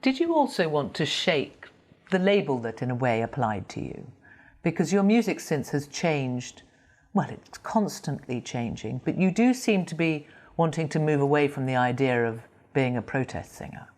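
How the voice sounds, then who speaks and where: Probing low-voiced woman interviewer. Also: big pitch swings, moderate pace, a little mellow. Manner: direct, probing questions.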